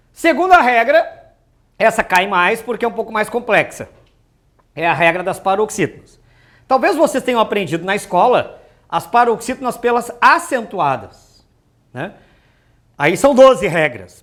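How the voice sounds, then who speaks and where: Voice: medium pitch, fairly bright tone. A teacher giving an exam-prep grammar lesson, chatty and full of joking asides and rhetorical questions.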